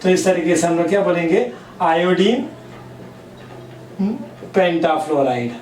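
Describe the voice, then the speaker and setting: A man with an Indian accent teaching chemistry, dictating key points slowly and word by word and switching between Hindi and English mid-sentence. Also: high-pitched, expressive, darkish tone, slight background noise. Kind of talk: classroom lecture. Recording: echoey room, mic at a distance.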